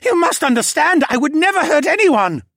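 A man's voice: very high voice, sing-song, normal speed, vocal fry, fairly bright tone, no room sound, studio quality, voice pushed up, exaggerated voice. A man voicing a frightened, pleading male muskox demi-human in an audiobook. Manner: desperate, begging. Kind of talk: audiobook character voice.

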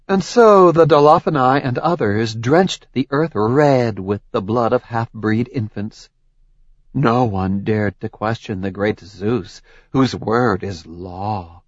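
A man's voice: medium pitch, dry recording. A man voicing a proud, scheming goddess queen who needles her husband relentlessly, in an audiobook with a slightly dull, dry recording. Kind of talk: audiobook character voice.

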